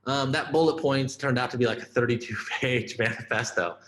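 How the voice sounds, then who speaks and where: A man giving a conference keynote, telling his life story in a casual, animated way, often saying "man" and "right?". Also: medium pitch, brisk, roomy sound, poor audio. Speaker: keynote speaker.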